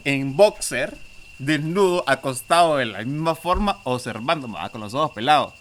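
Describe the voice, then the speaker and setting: A man's voice: mid-range voice, lively intonation, normal speed, slight background noise. A man animatedly telling a long, slangy story in casual chat, acting out what other people said.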